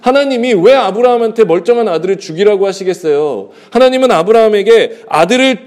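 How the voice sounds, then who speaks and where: A man's voice: expressive, quick pace, a little mellow. A male pastor preaching a sermon in a conversational way, asking the congregation rhetorical questions and acting out bits of dialogue. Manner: acts out dialogue with shifting pitch.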